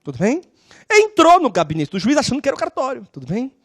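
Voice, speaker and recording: Animated São woman lecturing law. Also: sits high, quick pace, dry recording, studio quality. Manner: constantly checks in with the class; animated, acts out scenes. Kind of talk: lively storytelling lecture.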